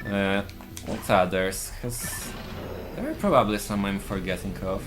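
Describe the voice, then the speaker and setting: Over game music, a Polish speedrunner from Poland plainly explains his tactics while playing live. His fairly low voice is animated yet unhurried.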